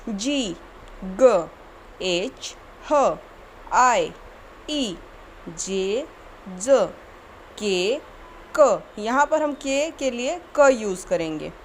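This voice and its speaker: A woman teaching children letter sounds, slowly and deliberately repeating each one. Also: on the high side, expressive, a little hiss or hum. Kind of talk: children's phonics lesson.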